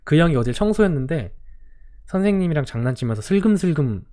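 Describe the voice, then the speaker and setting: A young man in his twenties, a streamer telling stories in a casual radio-style chat, acting out quotes, his voice gone hoarse. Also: fairly high pitch, sing-song, quick pace. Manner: storytelling, acting out quotes with swings in loudness.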